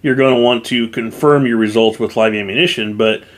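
A man's voice: medium pitch, fairly even intonation, brisk. A man hosting his own channel, talking casually to camera in a product review, with lots of fillers and restarts. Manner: chatty, with frequent fillers and restarts. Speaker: YouTube channel host reviewing gear.

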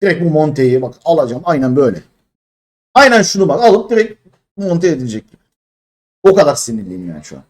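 A man in his thirties from Turkey, streaming a mobile game and complaining in exasperation as he opens crates, jumping between loud high outbursts and low mutters. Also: sing-song, fast talker, pauses often. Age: 30s. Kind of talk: live-stream crate-opening commentary.

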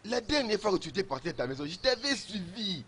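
A man's voice: high-pitched, sing-song, fast talker, background noise. An actor voicing a young disguised king in a French film dub, hesitant and defensive, repeating himself. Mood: pleading.

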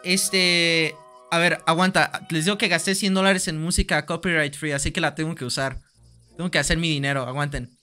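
A young man with a Mexican Spanish accent streams a game live and jokes around, his voice bright, sharp, slightly high, steady and fairly quick. He rambles playfully, swears casually and says many lines twice while soft music plays underneath.

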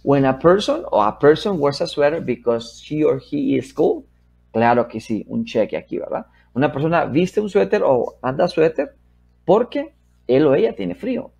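A man teaching an English lesson, explaining in Spanish and modeling English sentences slowly, first loudly and then softly, checking in often with his students. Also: on the high side, lively intonation, vocal fry, husky.

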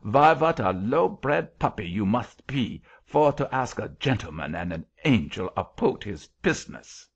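A man's voice: mid-range voice, sing-song, husky, highs cut off, exaggerated voice. A man voicing a bossy, irascible little self-styled angel who blusters in broken English with a thick German accent, in a storybook reading. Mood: indignant. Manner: blustering, broken English, drawn-out emphatic delivery.

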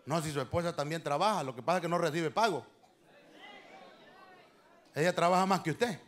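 A male pastor preaching. He talks to the congregation in a conversational way and keeps calling them brother. His delivery swings from quiet, soft asides to loud, emphatic lines. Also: fairly high pitch, brisk, a faint crowd. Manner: conversational preaching, often addressing "hermano". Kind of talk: sermon. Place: church.

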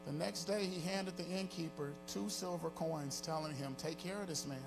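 A man in his forties with a fairly high, creaky voice preaches at normal speed from a large church stage. Into a handheld mic, the pastor lets his cadence rise into a half-sung delivery. Band gear and an audience fill the space, and music runs in the background.

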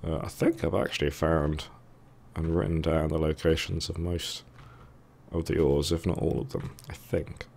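A man's voice: rumbling low, steady tone, moderate pace, gravelly, darkish tone. A man with a thick, sore-throated voice giving casual, hesitant let's play commentary, musing to himself as he goes. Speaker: gaming video host.

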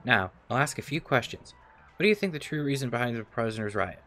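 A man reading as a smooth dream salesman. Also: animated, quick pace, pushed and bright. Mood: salesy. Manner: upbeat sales-pitch read-aloud. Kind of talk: reading game dialogue aloud.

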